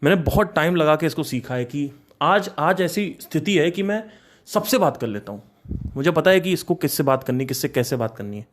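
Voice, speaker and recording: A young man from Kanpur telling a personal story in a casual, animated way, slipping English phrases in and laughing between lines. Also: a little high, fairly quick.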